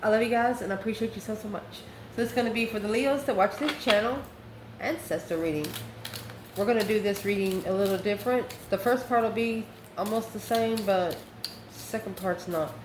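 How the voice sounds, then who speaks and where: A channel host gives a casual tarot reading in a fairly quick, middle-pitched voice, chuckling often as she chats informally and wanders into asides. The room is echoey, with clear background noise.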